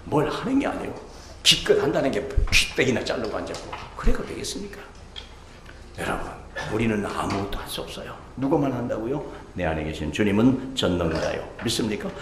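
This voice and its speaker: A man preaching a sermon as pastor, swinging between loud exclamations and hushed asides, often asking the congregation questions. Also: fairly low pitch, very animated, brisk, echoey room, background noise. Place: church sanctuary.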